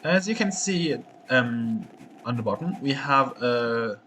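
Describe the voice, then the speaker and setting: A man's voice: mid-range voice, lively intonation, takes it slowly, pushed and bright, slight background noise. A young man streaming a game, chatting casually and explaining the mechanics with easy laughs. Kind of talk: casual gameplay commentary. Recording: music playing behind.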